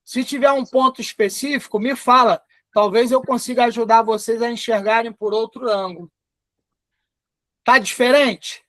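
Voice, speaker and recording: A Brazilian man with a very high voice runs a live online class over a call. He talks in a chatty, informal way and slows right down to dictate word by word. The sound is dry and close. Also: fairly even intonation, a bit bright, no echo. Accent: Brazilian Portuguese. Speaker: instructor.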